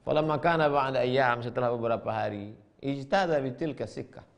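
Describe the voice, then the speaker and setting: Male preacher with a gravelly voice reading arabic lines then translating them, repeats stuff a lot, jumps his pitch around to play the people in the story. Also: brisk. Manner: shifts pitch sharply to act out quoted speakers; repeats and rephrases each line for the audience. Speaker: preacher teaching a classical text. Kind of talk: reading Arabic text aloud and translating it line by line.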